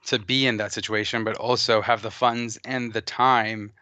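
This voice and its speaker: Joking man with a bright voice. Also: fairly low pitch, level tone, normal speed, smooth, no room sound. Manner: joking, teasing banter. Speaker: podcast co-host. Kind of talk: casual chat.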